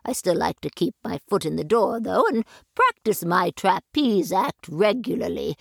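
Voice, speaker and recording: A woman's voice: medium pitch, big pitch swings, normal speed, vocal fry, breathy edge, dry recording, clean studio sound, exaggerated voice. Woman playing a prim genteel old lady. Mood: fond. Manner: prim, old-fashioned, fond. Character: genteel older woman with circus past. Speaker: show regular.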